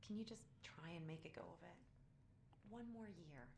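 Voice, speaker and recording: A woman's voice: fairly low pitch, normal speed, vocal fry, darkish tone. An actress playing an affectionate, hopeful woman crew member on a space station in natural video game dialogue. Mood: teasing, hopeful. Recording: echoey room with faint ambient noise.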